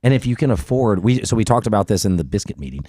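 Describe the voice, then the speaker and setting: A man's voice: fairly low pitch, animated, quick pace, mellow, breathy edge, no echo, clean studio sound. A man from Tampa hosting a casual real estate chat, joking and walking through mortgage numbers. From Tampa, Florida. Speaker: podcast host, mortgage lender.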